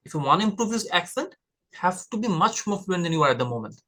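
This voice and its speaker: A man's voice: high-pitched, sing-song, slow, a bit bright. A man from Bangladesh teaching an exam-prep lesson in a direct, informal way, addressing the viewer as brother. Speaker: IELTS tutor. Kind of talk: casual explanatory lesson.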